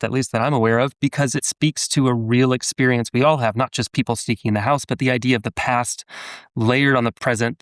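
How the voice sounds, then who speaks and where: A man from New Orleans talks as a podcast guest, musing through his answers with plenty of fillers and restarts. His voice sits at a middle pitch and is recorded close and dry, with no room sound. He comes across as reflective. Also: no room sound. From New Orleans, United States. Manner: rambling, thoughtful, many fillers. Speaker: novelist guest. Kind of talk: podcast interview.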